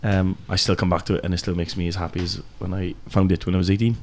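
A man's voice: sits low, quick pace. A young man with a South Welsh accent, a guest musician chatting casually on a podcast with many ums. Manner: relaxed, hesitant with ums, laughs easily.

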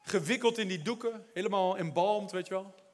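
A man preaching a lively sermon, retelling a story with quick asides and laughs, then building to loud exhortation. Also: high-pitched. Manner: animated preaching with laughs and English phrases. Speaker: pastor.

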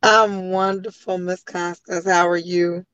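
An American woman from the Chicago area with a slightly hoarse voice, answering as a guest speaker and advocate in a conversational interview. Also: lowish voice, steady tone, measured pace, fairly bright tone, no echo, dull audio. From Chicago area, United States. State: a little hoarse.

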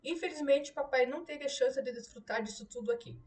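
Brief: young sister, gentle but sly, read by a woman, high voice, distant mic. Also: brisk, lightly acted.

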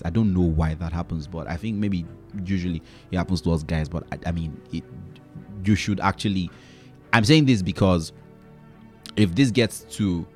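A man's voice: deep voice, a little mellow. A man hosting a solo podcast, talking earnestly and giving advice, often checking in with "right?" and "you know". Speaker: podcast host.

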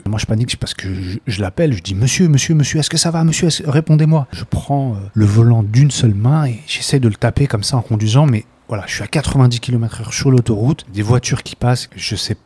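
A man's voice: mid-range voice, brisk, hardly any pauses, warm tone, breathy edge, no room sound. A man who drives a taxi, casually telling stories from his rides and acting out the dialogue. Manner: retells events acting out the dialogue. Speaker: Parisian taxi driver and podcast host. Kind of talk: casual storytelling.

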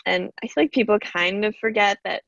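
A woman's voice: mid-range voice, a little fast, vocal fry, fairly bright tone, no room sound, muffled recording. A woman chatting as a podcast guest, bubbly and talkative with lots of fillers. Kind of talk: casual interview chat.

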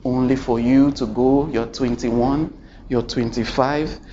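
A man preaching a sermon, dramatic, swinging between loud and hushed and asking the congregation questions. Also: medium pitch, fairly even intonation, takes it slowly, slight background noise. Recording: muffled recording with faint ambience.

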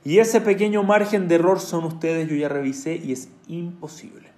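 A man giving a storytelling sermon, switching into English phrases now and then and acting out the people he quotes, with a gravelly voice. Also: fairly high pitch, moderate pace, darkish tone. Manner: mixes in English phrases, acts out quoted speech.

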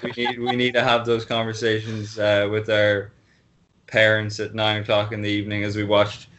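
A man's voice: fairly low pitch, monotone, moderate pace, fairly bright tone, highs cut off. An Irish man chatting as a podcast guest, wry and joking, often laughing as he talks. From Ireland. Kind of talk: casual chat.

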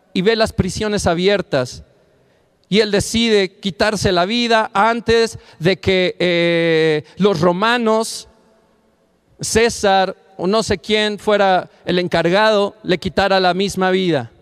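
A fervent male preacher with a high voice delivers a sermon. He talks right to the listener and often surges in loudness and pitch to stress his point. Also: slow, clear, resonant tone. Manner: passionate, rising to near-shouts on key phrases; speaks directly to the listener.

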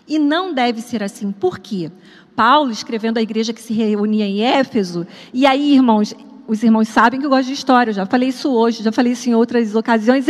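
A woman's voice: sits high, in a large hall. A woman with a Brazilian Portuguese accent preaching a sermon, talking to the congregation directly in a conversational, storytelling way. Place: church sanctuary at an evening service.

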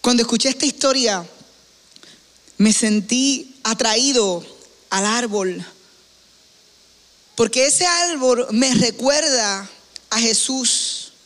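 A male preacher with a high, bright voice, telling a story slowly and deliberately, with pauses between phrases. His voice carries a long hall reverb. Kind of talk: sermon storytelling.

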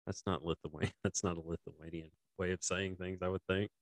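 A man with a lowish voice co-hosts a sports podcast in casual chat. He laughs a lot and breaks off his own sentences. The sound is dry and close to the mic. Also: flat delivery, fairly quick, no echo. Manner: laughs often, rambling and self-interrupting. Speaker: podcast co-host.

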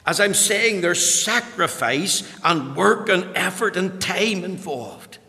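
A man's voice: high voice, lively intonation, slow pace, sharp tone. A man with a Northern Irish accent preaching an evangelical sermon in an emphatic way, repeating phrases for weight. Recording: echoey hall with long reverb.

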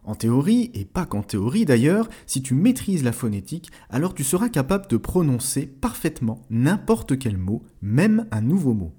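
Husky, mellow male language teacher. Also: medium pitch, very animated, moderate pace, hardly any pauses. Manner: clear explanatory delivery, addressing the listener directly. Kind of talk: scripted educational lesson.

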